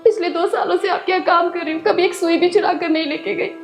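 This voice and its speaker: A woman playing a high-voiced quarrelsome maid. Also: expressive, normal speed, darkish tone, soft background music. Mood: pleading, tearful. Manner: snappy and quarrelsome, then pleading. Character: female house maid, poor, defensive. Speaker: maid in a short comedy-drama skit. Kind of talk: Hindi web-skit acting.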